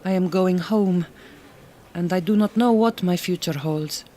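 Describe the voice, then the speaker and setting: A woman with a fairly low, mellow, natural voice speaks at a measured pace, with slight background noise. In naturalistic radio drama acting, she plays a resolute, tender Hungarian migrant worker, using a Hungarian accent and careful, formal phrasing. The mood is tender and bittersweet.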